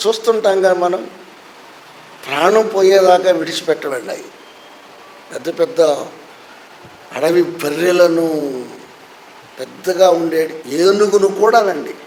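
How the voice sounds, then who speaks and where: A pastor in his sixties delivers a sermon in a church hall as an animated story, acting out quotes in different voices. His voice sits high, and the rough recording carries a slight hiss or hum.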